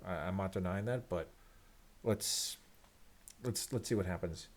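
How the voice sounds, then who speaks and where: A man with a fairly low voice talks to his viewers as a disappointed sports fan. His rant is unscripted and rambling, with halting starts and repeated phrases, and it sounds resigned.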